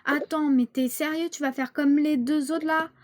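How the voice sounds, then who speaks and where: A furious teenage girl on the edge of adulthood, as a woman puts her on, throwing accusations in quick, slangy bursts. Her voice sits fairly high. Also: steady tone, a little hiss or hum, lightly acted. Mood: angry. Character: angry teenage girl nearly eighteen, rebellious.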